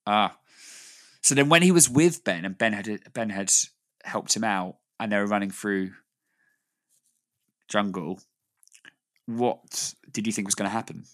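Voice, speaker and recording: British guy chatting on a podcast, lowish voice, rambles and laughs a lot. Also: measured pace, long pauses, a bit bright. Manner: rambling, laughs often, restarts. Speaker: podcast co-host. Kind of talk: casual chat.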